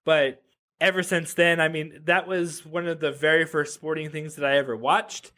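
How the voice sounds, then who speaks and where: Male guest, 30s, slightly high voice, rambling casual chat with lots of "like" and "right?", video call sound. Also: flat delivery, moderate pace, pushed and bright. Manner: loose and chatty, heavy use of "like" and "right?". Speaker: podcast guest, web developer.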